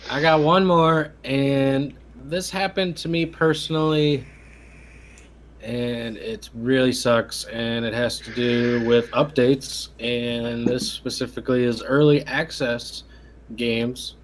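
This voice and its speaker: A man co-hosting a casual gaming podcast, telling a story with excitement and casual swearing. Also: mid-range voice, takes it slowly, a little hiss or hum. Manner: animated, swears casually, tells stories with excitement. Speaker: podcast co-host.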